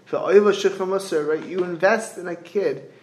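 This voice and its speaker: A man in middle age teaches in the informal way of a rabbi giving a class. His voice sits a little high for a man. He restarts and repeats phrases and asks rhetorical questions, and the room around him is clearly echoey. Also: moderate pace. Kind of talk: informal sermon, explaining texts with anecdotes.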